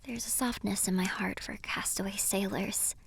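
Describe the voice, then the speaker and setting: Speaking in a mid-range voice with fairly even intonation, a woman plays a gentle, mysterious siren in a cinematic audio roleplay. Her manner is guarded, wistful and measured, quiet enough that she often slips into a breathy whisper. Everything feels hushed and regretful.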